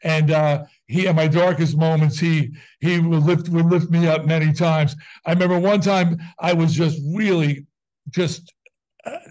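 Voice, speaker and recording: Wry, deadpan man in his sixties. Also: fairly high pitch, low-quality recording. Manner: wry, deadpan jokes, brisk storytelling. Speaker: guest musician. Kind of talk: casual interview chat.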